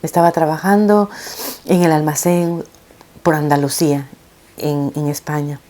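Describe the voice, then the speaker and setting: A middle-aged woman, a mother, telling her viewers a painful personal story in an emotional, halting way, with frequent restarts. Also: low voice, steady tone, dark tone. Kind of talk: personal testimony told to viewers.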